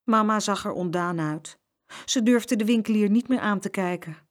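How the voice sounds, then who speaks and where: A woman's voice: mid-range voice, normal speed. A woman reading a children's story aloud and acting out the sound effects.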